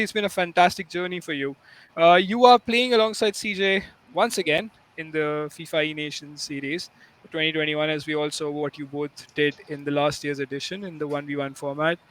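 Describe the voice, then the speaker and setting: A man's voice: fairly high pitch, a bit bright, rough recording. A man who hosts an interview, rambling and full of fillers as he works toward his questions. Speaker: host. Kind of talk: casual interview hosting.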